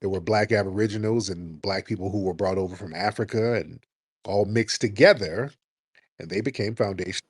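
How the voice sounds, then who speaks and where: A man's voice: lowish voice, fairly quick, slightly rough, no echo. Guy hosting a chat room, pushy rhetorical questions, dry close sound. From United States. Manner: insistent, rhetorical questions, emphatic. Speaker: host of an audio chat room. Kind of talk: casual debate chat.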